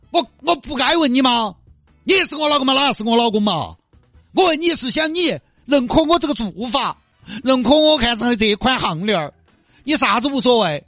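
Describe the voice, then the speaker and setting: A man's voice: a bit bright, no echo, studio quality, heavily acted. A man voicing a quarrelsome young wife who nags and scolds with a Sichuanese accent. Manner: shrill, scolding, argumentative. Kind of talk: comedy sketch acting.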